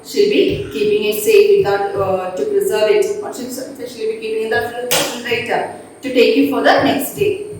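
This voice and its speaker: A woman's voice: fairly high pitch, slight background noise. A woman teaching a class at a board, repeating her points and quizzing the students. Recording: echoey room voice from far off.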